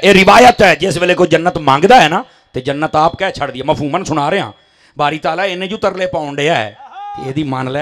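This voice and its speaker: A man with a Punjabi accent preaching a fiery sermon to a gathering, swinging from low asides to shouted, impassioned climaxes. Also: a little hiss or hum.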